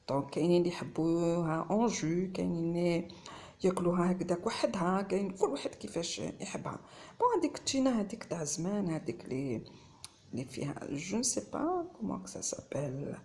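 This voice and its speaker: A woman's voice: fairly low pitch, darkish tone, a little hiss or hum. A woman with an Algerian accent mixing Arabic and French, chatting casually through a home cooking vlog. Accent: Algerian Arabic mixed with French.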